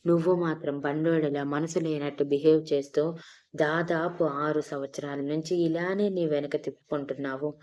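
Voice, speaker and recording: A woman's voice: deep voice, fairly even intonation, normal speed, mellow, close to an everyday voice. A woman voicing a young woman in love who pleads and scolds in an emotional way, in an audio story. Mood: reproachful.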